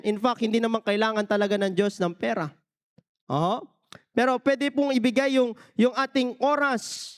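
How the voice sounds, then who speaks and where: High-voiced preaching pastor. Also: male voice. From Philippines. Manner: peppers every point with questions to the congregation; mixes English phrases into Tagalog preaching. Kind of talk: sermon.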